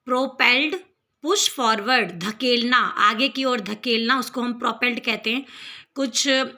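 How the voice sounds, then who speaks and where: A woman's voice: fairly high pitch, measured pace, sharp tone. A woman tutor with an Indian accent teaching English vocabulary, spelling out each word and explaining it in Hindi. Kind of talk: vocabulary lesson.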